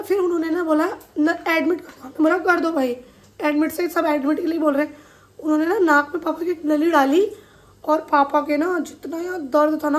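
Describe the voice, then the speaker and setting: A woman with a high voice tells a family story in a casual vlog. She talks animatedly and acts out what each person said. She is recording in a home kitchen. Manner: animated, retells events with quoted dialogue. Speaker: family vlogger.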